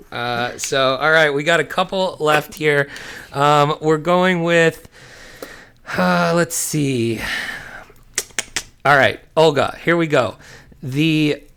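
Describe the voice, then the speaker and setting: A man's voice: a little high, a bit bright, clean tone. A man hosting a quiz segment on a casual podcast, amused and spelling out words letter by letter. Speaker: podcast co-host running a quiz.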